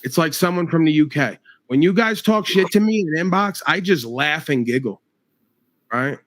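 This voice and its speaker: A man's voice: fairly high pitch, expressive, moderate pace, fairly bright tone. Profane New man ranting. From New York. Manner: profane, confrontational, mocking. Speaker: livestreamer. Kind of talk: angry livestream rant.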